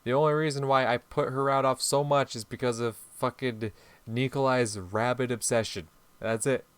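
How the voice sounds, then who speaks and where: A man's voice: mid-range voice, fairly even intonation, normal speed, clear, resonant tone, dry recording. Heated, cursing gaming commentator man. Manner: profane, laughing, heated. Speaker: gaming YouTuber. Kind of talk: let's play commentary.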